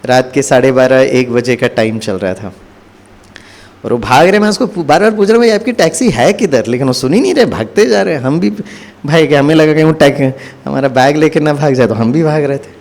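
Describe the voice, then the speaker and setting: A man giving a spiritual talk to an audience, telling a story in a lively way and acting out the dialogue. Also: medium pitch, a little fast, creaky. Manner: animated, acts out dialogue. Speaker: spiritual speaker.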